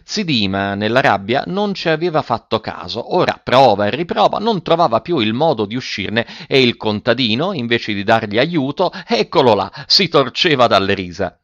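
Man reading a story with lively drama. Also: mid-range voice, moderate pace, few pauses, no room sound, dull audio. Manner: dramatic, animated delivery. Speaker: narrator.

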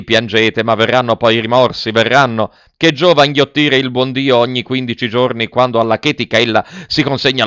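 A man reading aloud voices a furious old miser who shouts and bullies his household, his voice pitched well above his own. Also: clean tone, no echo, close to an everyday voice. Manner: shouting, blustering, bullying. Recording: dull dry lo-fi recording.

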